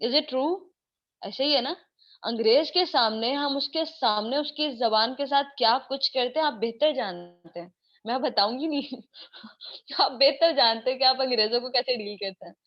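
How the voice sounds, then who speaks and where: A Pakistani-accented woman lectures in a chatty way and keeps asking her students questions. Her voice sits a little high. The recording sounds dull and lo-fi. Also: moderate pace. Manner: chatty, asks the class questions. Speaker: English teacher. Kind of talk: informal online class lecture.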